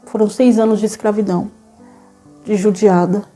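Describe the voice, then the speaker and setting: A woman's voice: medium pitch, steady tone, normal speed, mellow, soft background music. A young woman, earnestly telling her church testimony and addressing the listeners as brothers.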